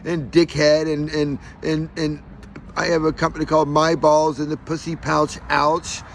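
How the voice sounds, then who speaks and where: A man's voice: fairly high pitch, completely flat delivery, normal speed, creaky, a little hiss or hum. A man telling his own story in an aggrieved, emphatic rant, his speech slightly slurred by missing front teeth. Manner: aggrieved, emphatic, acts out reported dialogue.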